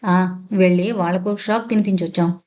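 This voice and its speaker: An earnest young man reassures his worried parents, calm and sure of himself, voiced by a woman narrator. The audiobook voice stays close and even. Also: lowish voice, normal speed, lo-fi sound, natural voice. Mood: explaining.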